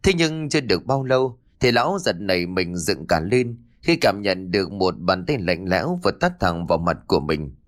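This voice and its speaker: Guy narrating a funny ghost story, low voice, swings up and down a lot. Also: moderate pace, hardly any pauses. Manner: animated, puts on voices for each character.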